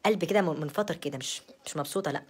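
A woman's voice: sits low, very fast, breathy edge. A young woman with an Egyptian accent playing a brazen, spoiled young wife in a comedy sketch, rambling and stammering in a sassy way. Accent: Egyptian Arabic.

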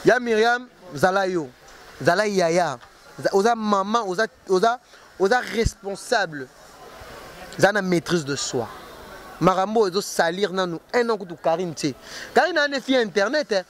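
High-voiced man, emphatic and talkative. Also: expressive, normal speed, a bit bright, a little hiss or hum. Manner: emphatic, repeats words and restarts while arguing. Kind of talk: casual street interview.

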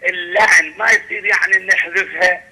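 A man's voice: high voice, fairly even intonation, a little fast, pushed and bright, slight background noise. A man from Iran calls in to a talk show over an unclear phone line. He is emphatic and often repeats his words. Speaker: phone-in caller.

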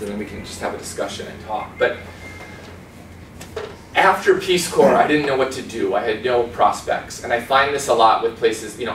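Caught on a far camera in a small conference room, a mid-range male voice in his forties gives a chatty, informal slide talk. He's animated, gestures plenty and imitates accents and voices while telling stories, and the roomy audio carries a slight hiss or hum.

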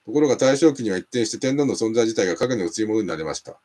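Lowish-voiced man reading history aloud. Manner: steady, measured reading with occasional stumbles and restarts. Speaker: reader of a history book. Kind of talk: reading a nonfiction book aloud.

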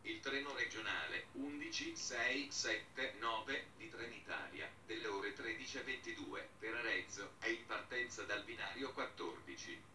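Flat formal male station announcer, sharply bright. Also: fairly low pitch. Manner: measured formal delivery with names read in separate segments. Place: public address in a railway station, station ambience behind. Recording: bright roomy distant PA with background noise.

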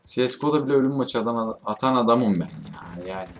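A young man commenting on a shooter as he plays it, in a voice of middling pitch for a man. He swears often and yells at his teammates when things go wrong. He keeps up a loose, chatty stream of commentary between rounds. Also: expressive, fast talker. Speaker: gaming YouTuber. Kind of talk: casual gameplay commentary.

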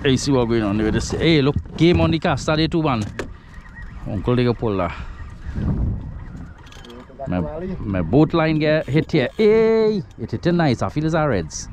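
A man with a Trinidadian accent giving chatty, excitable running commentary while fishing from a small boat. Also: fairly high pitch, a little slow, pauses often, a crowd in the background. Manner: chatty, excitable, creole phrasing. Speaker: fishing vlogger. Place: outdoors on a small boat at sea. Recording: noisy outdoor water and wind.

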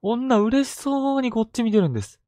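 Man, ghost story narrator, hushed suspenseful telling, lively rising and falling pitch, dry close sound. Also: brisk, no room sound. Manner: hushed, suspenseful storytelling with sudden vivid quotes. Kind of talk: retelling collected true ghost stories.

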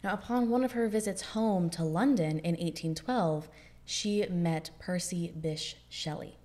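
A young woman co-hosting a podcast, chatting casually about history with frequent laughs and quick asides. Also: fairly low pitch, mellow. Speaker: podcast co-host.

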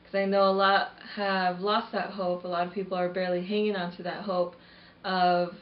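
A woman in her twenties gives a sincere, even statement to camera indoors. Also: lowish voice, normal speed, reverberant, distant mic, muffled recording. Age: 20s. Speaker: activist giving a statement. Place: indoors before a curtain.

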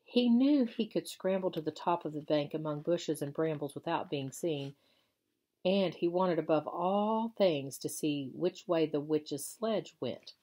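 A woman teacher reading a children's novel aloud to her class in a measured, expressive storytelling voice. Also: low-pitched.

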